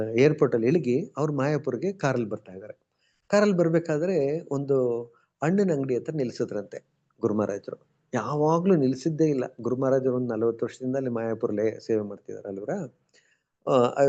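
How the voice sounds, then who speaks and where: A man's voice: mid-range voice, warm tone. A man with a Bengaluru Kannada accent telling stories in a colloquial devotional talk, acting out the people he quotes. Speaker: devotee speaker. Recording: dull lo-fi sound.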